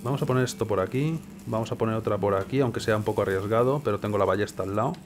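Background noise runs behind this gaming host from Spain, who rattles off his casual commentary at a rapid-fire clip. His pitch is fairly low, and his Castilian accent colors the thinking-aloud style as he questions his own moves.

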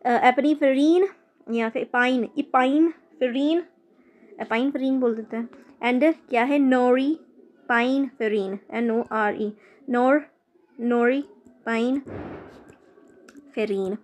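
A woman's voice: sits high, a little slow. Chatty woman teaching chemistry. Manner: chatty, repeats terms and spells them out letter by letter. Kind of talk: casual classroom lecture. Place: sitting downstairs with traffic outside.

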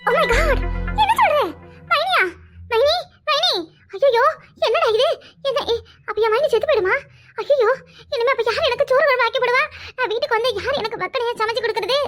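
A woman's voice: extremely high pitch, fairly quick, a bit bright, faint music behind. A woman voicing a lazy, greedy and cheeky young sister-in-law in a cartoon, brash and mocking in a Kanyakumari Tamil accent. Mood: shocked. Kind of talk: cartoon voice acting.

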